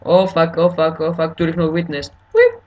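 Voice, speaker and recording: A young man with a cold, chatting excitably while gaming, swearing and joking often. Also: fairly high pitch, recorded from a distance, lo-fi sound, slight background noise. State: has a cold. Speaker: gamer host. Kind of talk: casual gaming chat. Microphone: headset mic.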